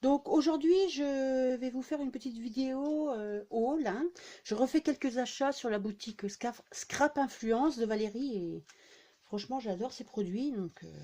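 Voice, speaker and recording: Woman, middle-aged, mellow warm voice, casual vlog chat, lots of fillers, relaxed show-and-tell. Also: high-pitched, unhurried. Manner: chatty, many fillers and "hein" tags. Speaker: scrapbooking vlogger.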